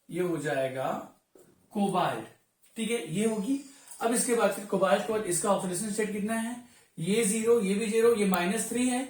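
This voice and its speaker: A classroom teacher walks students through a chemistry lesson, calling them "beta" and stopping often to check they follow. The voice rings through a strongly echoing room. It sits some distance from the microphone. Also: medium pitch. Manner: addresses students as 'beta', often checks understanding. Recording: very echoey room, voice far from mic.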